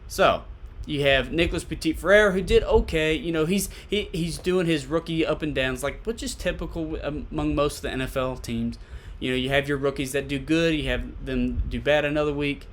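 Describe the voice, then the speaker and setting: Man, fairly high-pitched voice, casual sports commentary, podcast host, conversational, repeats himself for emphasis. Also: normal speed, few pauses. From Tennessee, USA.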